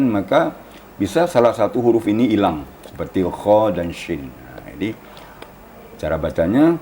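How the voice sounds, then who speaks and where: Male Quran teacher, deep low voice, mellow tone, slow drawn-out demonstrations, faint studio hiss. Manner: patient, slow demonstrations with drawn-out chanted words. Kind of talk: explaining Quran recitation rules on TV. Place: television studio.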